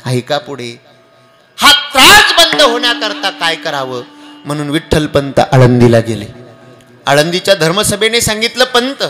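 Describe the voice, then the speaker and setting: A young man preaching a devotional kirtan sermon, chanting refrains and swinging from quiet asides to shouted climaxes. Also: fairly high pitch, sing-song, moderate pace. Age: young adult.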